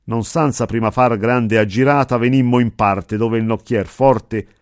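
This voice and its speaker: A man giving a measured, solemn recitation of epic poetry, close to the mic. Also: mid-range voice, steady tone, no echo. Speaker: reader.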